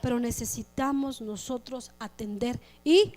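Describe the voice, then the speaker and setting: High-voiced woman pastor preaching. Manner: lively preaching, acts out church members in quick asides. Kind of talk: sermon.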